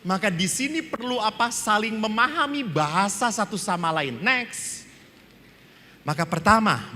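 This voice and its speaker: Animated Indonesian priest preaching in a hall. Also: male voice, high voice. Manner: animated storytelling, acts out dialogue. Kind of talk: lively sermon with humor. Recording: reverberant hall, faint ambience.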